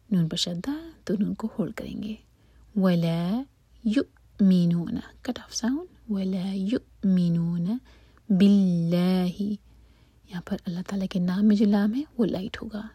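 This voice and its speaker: Soft-spoken woman teaching Quran recitation. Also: medium pitch, slightly rough, no room sound. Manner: soft whispered explanations between slow drawn-out recitation. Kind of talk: tajweed lesson with recitation.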